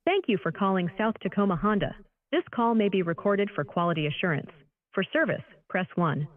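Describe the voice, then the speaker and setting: A woman's voice in a recorded phone message, reading scripted menu prompts in an even, announcing manner. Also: mid-range voice, brisk. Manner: evenly paced, scripted announcing. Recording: tinny phone line.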